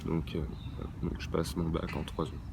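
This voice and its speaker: A French teenage baseball player is interviewed outdoors at a training ground, answering hesitantly with many fillers and restarts. His voice is rumbling low with vocal fry, flat delivery, and moderate pace, while traffic and ambient noise fill the background.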